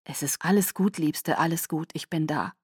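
A woman voicing a tender, protective young man who speaks softly and often close to a whisper. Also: low voice, a little fast, husky, no room sound. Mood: worried. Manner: soft and hushed, often near a whisper.

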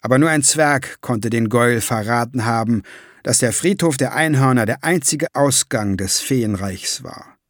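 A man reading an audiobook in slow, measured scripted narration. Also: medium pitch, no room sound, studio quality.

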